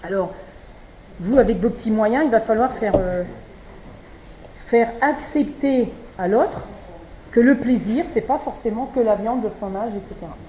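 Slightly high and a touch slow, this Breton woman's voice has a dark tone. She's a speaker at a vegan conference, talking conversationally with many fillers and restarts, recorded in an echoey room with faint noise behind her.

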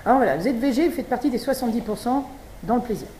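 Fairly high-pitched and dark in tone, her voice is expressive and rapid-fire. She comes from Brittany, France, and gives a chatty conference talk at a vegan event, packed with fillers and restarts. The space echoes, and faint noise lingers.

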